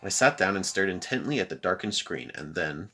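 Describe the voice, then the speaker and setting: A young man hosting a let's play, reading a visual novel aloud with expressive commentary. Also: low-pitched, brisk, faint music behind.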